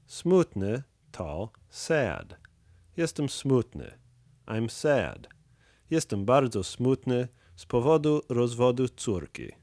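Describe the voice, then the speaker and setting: Man, language teacher, scripted lesson, slow and measured, dry close-mic recording. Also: medium pitch, a little mellow, dry recording. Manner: slow, measured reading of phrases and their translations.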